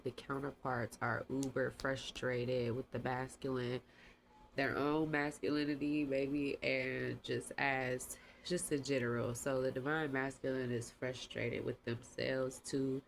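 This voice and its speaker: Casual tarot host, stuffed-up voice, unhurried and loose, a faint hiss behind. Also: medium pitch, creaky. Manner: relaxed, rambling, slangy. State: congested. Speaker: tarot reader. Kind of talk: casual spoken tarot reading.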